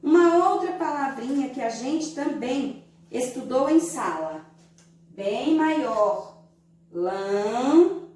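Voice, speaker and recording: A Brazilian woman teacher giving a slow, didactic lesson to young children, stretching out syllables to show how they sound. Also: sits high, expressive, darkish tone, recorded from a distance. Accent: Brazilian Portuguese. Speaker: primary school teacher. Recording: very echoey room, voice from away from the mic.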